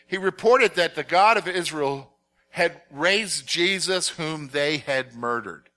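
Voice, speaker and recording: High, bright-voiced man preaching. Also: takes it slowly. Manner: animated, asks the audience to fill in words. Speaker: pastor teaching a Bible study. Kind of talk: expository sermon with audience questions.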